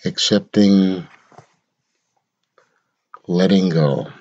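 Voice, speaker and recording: A low-pitched, slightly mellow male voice leads a guided meditation, speaking in brief, measured instructional phrases broken by long pauses. The audio sounds dull.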